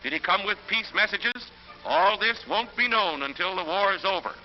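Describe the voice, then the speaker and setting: A man's voice: high voice, lively intonation, moderate pace. A man giving dramatic, emphatic 1940s narration on an old newsreel soundtrack. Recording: dull lo-fi 1940s film soundtrack with music.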